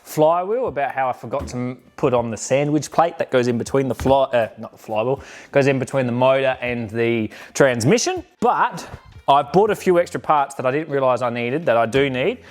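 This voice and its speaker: Medium in pitch with lively intonation, the man speaks at a normal speed while faint music plays behind him. As a car restoration vlogger, he works on a car in a garage, talking in a rambling, offhand way and fixing his words as he goes.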